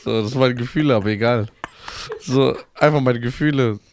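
A man's voice: medium pitch, brisk, darkish tone, a little hiss or hum. A man chatting on a podcast as a guest, joking crudely and mimicking other people. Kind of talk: casual chat.

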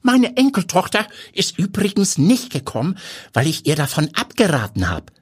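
A man voicing an elderly grandfather who explains things slowly in a lecturing way, with a husky edge. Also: high voice, huge pitch swings, pitched above the performer's own voice, heavily acted. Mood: fatherly. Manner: slow, lecturing.

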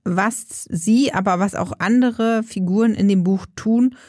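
A woman's voice: mid-range voice, unhurried, a little mellow, no echo, clean studio sound. A woman co-hosting a book podcast, explaining details and background in a casual conversation. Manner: explains plainly and fills in details.

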